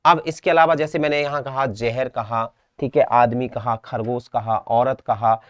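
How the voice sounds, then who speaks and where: In a muffled recording without room sound, a young man from India with a Rajasthan Hindi accent teaches exam prep at a measured pace. His mid-range voice stays fairly even as he repeatedly drills words and confirms his students understand.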